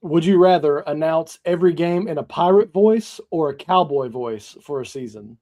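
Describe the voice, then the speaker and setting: A man's voice: a little high, moderate pace, warm tone. A man co-hosting a podcast, reading out questions and reacting with enthusiasm. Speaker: podcast co-host. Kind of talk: casual interview hosting.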